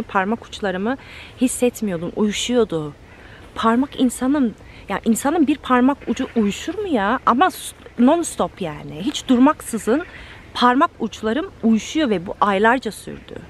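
A woman's voice: on the high side, animated, unhurried, a little hiss or hum. A young woman vlogger telling her own story candidly to camera, with many fillers and restarts.

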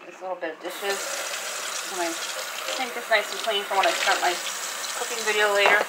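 A woman's voice: mid-range voice, fairly even intonation, normal speed. A middle-aged woman casually narrating her morning kitchen chores in a homey, chatty way, filmed on a phone propped in a small home kitchen. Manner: chatty, homey, talks while working. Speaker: homemaker vlogger. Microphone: phone camera propped on the counter. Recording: loud kitchen noise, phone mic. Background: running water and clattering dishes.

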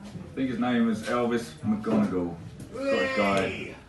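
A man's voice: fairly low pitch, wildly swooping pitch, measured pace, over loud music. A man in his thirties performing spoken word poetry on a small stage, with a rhythmic, tongue-twisting rhyming delivery. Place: small stage with colored lights. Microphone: stand mic, filmed by a far camera. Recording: echoey room from far off.

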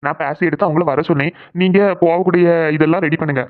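A woman voicing a calm, sensible elder brother in a cartoon, giving steady advice. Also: low voice, quick pace, narrow, tinny audio, natural voice. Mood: advising. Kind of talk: cartoon voice acting.

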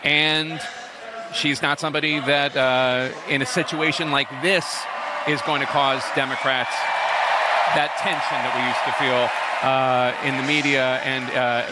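A man giving measured political analysis as a television news commentator, speaking with deliberate pauses. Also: mid-range voice, level tone, a loud crowd, heavy background noise.

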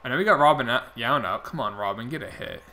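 Talking fast and animated, a young man rambles through a baseball video game stream, replying to his chat as his voice gets worn down. His pitch sits in the middle, and his tone comes across bright and forceful even as he loses his voice.

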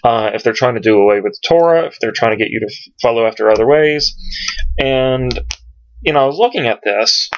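A man teaching from scripture at home in a casual, rambling way, searching his computer aloud with many pauses and ums. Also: mid-range voice, lively intonation, slight background noise. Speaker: Bible teacher. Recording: dull lo-fi home recording.

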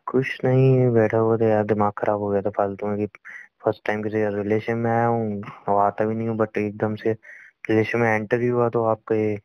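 A man's voice: on the low side, little pitch movement, moderate pace, clean tone, no room sound, close to an everyday voice. A young man playing a frustrated boyfriend who tries to reason with his girlfriend on a phone call in a scripted drama. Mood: placating. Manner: exasperated, pleading, reasoning. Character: frustrated young boyfriend, defensive but trying to stay calm. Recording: dull, dry lo-fi recording.

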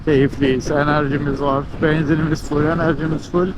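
This Turkish motovlogger's voice is a little high with little pitch movement, at a moderate pace, and slightly muffled by his helmet as he rides outside. Upbeat and casual, he addresses his viewers and his bike alike, while wind, engine and vehicle noise pour over the helmet mic.

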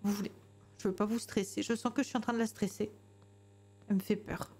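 A woman's voice: medium pitch, fairly even intonation, fast talker, a little mellow. A woman streamer giving jumpy, chatty commentary on a horror game, talking to herself and greeting customers politely. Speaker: gamer streamer.

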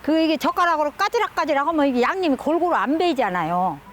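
High-pitched animated woman. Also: fast talker, music in the background. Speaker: interviewee. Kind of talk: interview.

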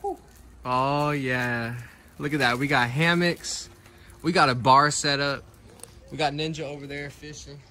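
A man's voice: on the high side, steady tone, unhurried, long pauses, bright, forceful tone, slight background noise. A man hosting an outdoor cooking vlog, upbeat and saying y'all a lot. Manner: upbeat, says y'all often. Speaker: vlog host. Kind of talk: casual vlog chat.

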